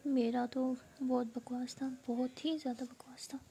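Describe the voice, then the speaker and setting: A woman casually chatting on a phone live stream, reading viewer comments aloud in a soft, half-whispered, playful way. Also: high voice, level tone, moderate pace, creaky, heavy background noise.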